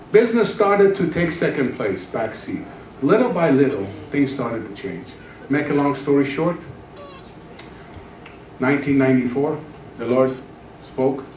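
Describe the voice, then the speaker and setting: Animated and acting out the conversations he recounts, a middle-aged guest pastor preaches a testimony sermon from a church stage with a handheld mic. His medium-pitched voice comes through an echoey room recorded at a distance, with a little hiss or hum.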